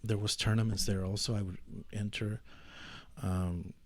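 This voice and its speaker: A man's voice: fairly low pitch, little pitch movement, moderate pace, dry recording. A man who plays arcade fighting games, answering interview questions earnestly with some stumbling restarts. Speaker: podcast guest, arcade fighting game player. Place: podcast studio.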